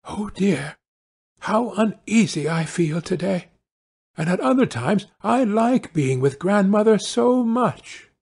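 An innocent, trusting little girl from a storybook, acted out by a man, pitched up from his usual voice. The lines are earnest and polite, slowly drawn out with a wondering lilt. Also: expressive, gravelly, a little mellow, slightly rough, full character voice. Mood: uneasy.

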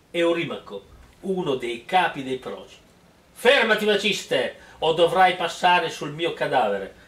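A man's voice: on the high side, far from the mic. A man doing a mock-dramatic reading of a silly story, stopping for joking asides and mocking remarks. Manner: animated, mocking, breaks into laughter. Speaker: reader and comic commentator. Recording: roomy, off-mic sound.

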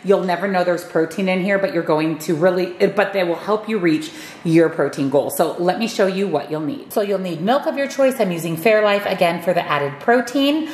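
A woman's voice: lowish voice, normal speed, darkish tone, slight background noise. Woman talking through a meal prep. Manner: friendly step-by-step instructions. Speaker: cooking channel host.

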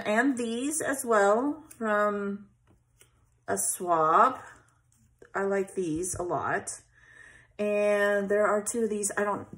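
Her voice is medium in pitch and a bit bright as she hosts a laid-back scrapbooking tutorial. Sitting at her craft table at home, she chats and thinks aloud while laying out pieces, with the overhead camera focused on her hands.

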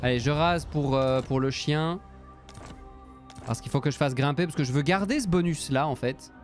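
A man's voice: a little high, moderate pace, faint music behind. A man from Belgium, casually commenting on a strategy game while thinking aloud and thanking viewers. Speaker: streamer.

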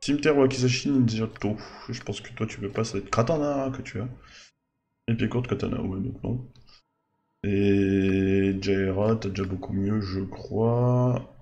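A man's voice: fairly low pitch, fairly even intonation, measured pace, mellow, slight background noise. Man muttering casual game commentary. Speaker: let's play streamer.

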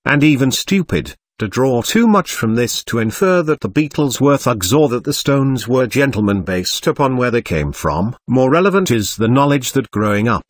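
A man's voice: mid-range voice, very animated, normal speed, few pauses, no room sound. Man narrating an audiobook, very dry sound. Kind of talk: scripted nonfiction narration.

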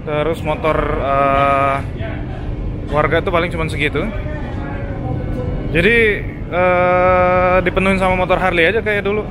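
A man's voice: high-pitched, flat delivery, measured pace, long pauses, rough recording. A man, casually narrating his motorcycle trip from a port and ferry deck into a helmet camera, with lots of "eh" fillers. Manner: chatty, explains tips with filler "eh". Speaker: motovlogger. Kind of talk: casual travel vlog commentary. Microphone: helmet or selfie action camera. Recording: loud engine and wind noise.

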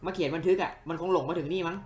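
A man's voice: fairly high pitch, steady tone, rapid-fire, a little mellow. A man casually commentating a video game he is playing, joking and crude. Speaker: gaming channel host. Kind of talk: let's play commentary.

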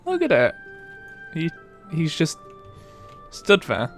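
A man with a slightly high voice and huge swings in pitch gives relaxed let's play commentary. He speaks slowly, in no hurry, while video game music plays in the background.

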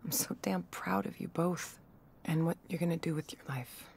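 An actress playing a tender, proud mother in a video game, with a breathy, hushed voice. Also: on the low side, normal speed, in a whisper. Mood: tender, tearful. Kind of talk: naturalistic game acting. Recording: game audio with faint ambient noise.

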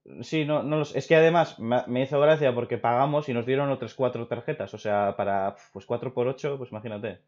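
A young man from Spain with a Spain Spanish accent, hosting a casual opinion chat and rambling excitedly with many restarts. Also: medium pitch, brisk. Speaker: video host. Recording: dull lo-fi recording.

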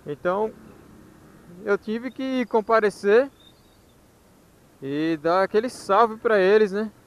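A man's voice: sits high, takes it slowly, clean tone. A man in his thirties with a Northeastern Brazilian accent, chatting casually as a motovlog host. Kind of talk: casual vlog chat.

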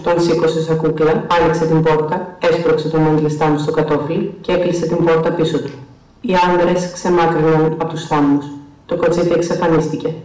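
A man giving a staged poetry reading in a measured, even way at a live performance venue. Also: a little high. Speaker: poet reading his own work. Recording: roomy, echoey venue from a distance.

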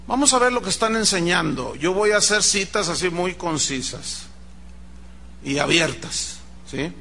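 A man with a Mexican Spanish accent preaching a sermon, animated, imitating shouting crowds and questioning the congregation. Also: high voice, a little slow, creaky, a little hiss or hum. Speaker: pastor.

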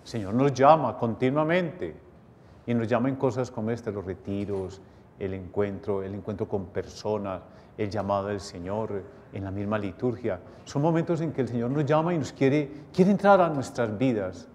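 Priest praying at the altar. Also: male voice, moderate pace, a little mellow. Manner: earnest, pleading appeals. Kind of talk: closing prayers and blessing at Mass. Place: small chapel studio at an altar. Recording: chapel reverb with faint rumble.

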